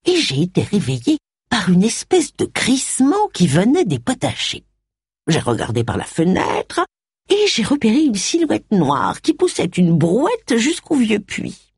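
A woman voicing a very old, sly and gossipy lady, in a high, quavering, drawn-out voice. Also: slightly rough, dry recording, clean studio sound, exaggerated voice.

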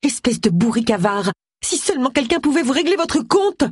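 A woman voicing a small, fiery widow who accuses a neighbour in a high, shrill voice, in an audiobook. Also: sing-song, fairly quick, warm tone, husky, no room sound, clean studio sound, full character voice. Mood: angry.

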